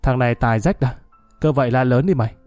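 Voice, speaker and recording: A man's voice: mid-range voice, fast, a little mellow, dry recording, faint music behind, close to an everyday voice. A man doing a swaggering, menacing street thug. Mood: menacing, mocking. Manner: menacing, showy, theatrical. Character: swaggering young street thug with flowery speech.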